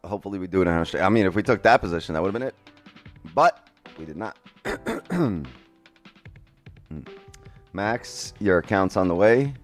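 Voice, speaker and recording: Deep-voiced and lively in intonation, this man speaks at a moderate pace and pauses often as he runs through trades for his stream. The day trader chats loosely with viewers, lets the occasional curse slip, and talks over faint music through a headset mic.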